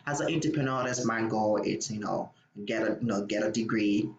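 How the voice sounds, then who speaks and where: A young man from Liberia with a Liberian English accent, talking casually as an interview guest, unhurried, often restarting his phrases. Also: fairly low pitch, lo-fi sound. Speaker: guest musician. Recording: roomy with background noise.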